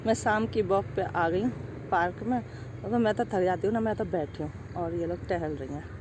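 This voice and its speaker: A woman's voice: fairly low pitch, moderate pace. A middle-aged woman from Uttar Pradesh, India, filming a casual daily vlog on a handheld phone. She is chatty, laughs often, and talks to her family and her pet. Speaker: vlogger. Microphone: handheld phone camera. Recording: roomy phone audio with background noise.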